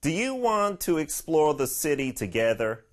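[name], a man voicing a slow, friendly young traveler. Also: on the high side, sing-song, heavily acted. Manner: clear, slow, deliberate delivery for learners. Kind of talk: recorded dialogue for language practice.

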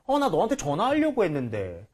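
A man's voice: high voice, wildly swooping pitch, brisk, darkish tone. A man teaching English, quizzing a student and patiently explaining grammar.

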